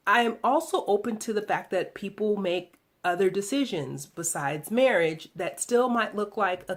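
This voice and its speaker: A woman hosts a relationship video blog, delivering a reflective, deliberate monologue with emphatic phrasing. Her voice is medium in pitch and a bit bright.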